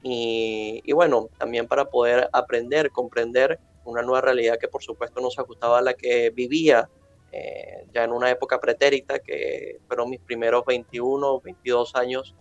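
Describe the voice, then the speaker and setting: A man, answering interview questions in a measured, formal way with many fillers. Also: mid-range voice, level tone, vocal fry, lo-fi sound. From Venezuela. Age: 20s. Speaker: interview guest.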